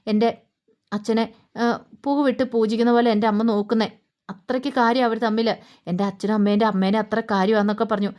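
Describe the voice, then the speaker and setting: A woman's voice: fairly high pitch, steady tone, a little fast, a little mellow, natural voice. Woman voicing a distraught young daughter. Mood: pleading. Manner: pleading, insistent. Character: distraught young woman defending her parents.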